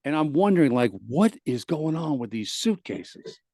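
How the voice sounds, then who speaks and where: This podcast host's voice is a little high, and he moves at a moderate pace through a long comic anecdote, playing the other people in it with lively energy. Recorded in a podcast studio with no echo, the sound is studio quality.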